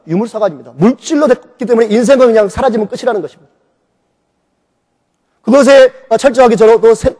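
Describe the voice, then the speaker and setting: High-voiced pastor preaching in a reverberant hall. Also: male voice. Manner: animated storytelling, acting out his own shouts and quoted voices. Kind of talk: sermon with personal testimony. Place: church sanctuary. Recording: long reverb of a church hall.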